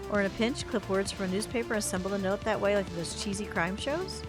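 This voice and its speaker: A woman reads a story game's narration aloud on stream, lively in delivery and adding asides. Her pitch sits mid-range, and faint music plays under her voice. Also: fast. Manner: expressive reading with asides and stumbles. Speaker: streamer reading a story game. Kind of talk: reading narration aloud with chat.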